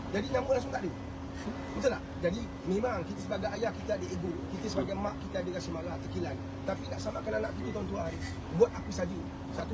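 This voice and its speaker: A man's voice: very high voice, very noisy. A man with a Malaysian Malay accent, giving a fiery family-themed preaching talk full of rhetorical questions. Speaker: motivational family speaker.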